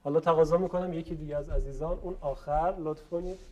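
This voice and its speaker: A man teaching a class how to pronounce Arabic letters, politely asking students questions and stretching out example words slowly. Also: a little high, fairly even intonation, dark tone, highs cut off. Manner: slow, drawn-out model pronunciations. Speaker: Quran recitation teacher. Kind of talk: classroom lesson on letter pronunciation.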